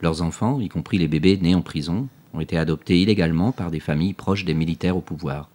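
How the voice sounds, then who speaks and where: A wry, easygoing father who slips dry jokes into tense moments. His voice sits very low, with a dark, mellow warmth. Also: quick pace. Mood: explaining. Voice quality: dry, teasing humor. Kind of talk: audiobook drama acting.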